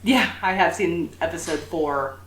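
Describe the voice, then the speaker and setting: A podcast co-host with a fairly low, fairly bright voice speaks a little slowly in gushing, chatty conversation, laughing easily. The home recording is tinny, like talking through a tin can, with echo and a faint hiss.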